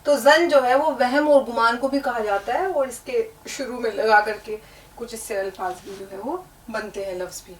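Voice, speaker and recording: A woman teaching a language lesson, explaining word meanings and spelling out letters slowly, often checking in with the learner. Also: on the high side, slight background noise. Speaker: Urdu teacher. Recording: echoey room, mic at a distance.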